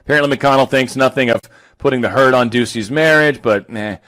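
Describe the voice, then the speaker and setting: A man's voice: mid-range voice, fairly quick, a bit bright. Sarcastic man riffing on headlines. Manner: sarcastic, reads quotes aloud and riffs on them. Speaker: political commentary host. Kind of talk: casual political commentary, reading headlines.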